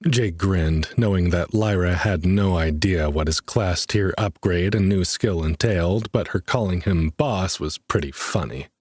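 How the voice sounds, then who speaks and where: A man narrating a fantasy audiobook in a steady, even storytelling manner. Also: deep voice, unhurried, hardly any pauses, husky, no echo, clean studio sound. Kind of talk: scripted narration.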